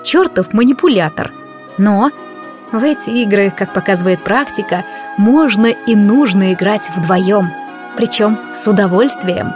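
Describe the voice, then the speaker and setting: A woman narrating a first-person romance novel with a wry, expressive delivery. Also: medium pitch, measured pace, over music. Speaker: audiobook narrator.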